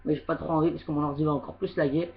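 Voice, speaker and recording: Young guy unboxing a controller at home, lots of umms, kinda high voice, dull lo-fi mic. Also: little pitch movement, racing. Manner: hesitant, heavy fillers like "donc, euh". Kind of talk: casual home unboxing video.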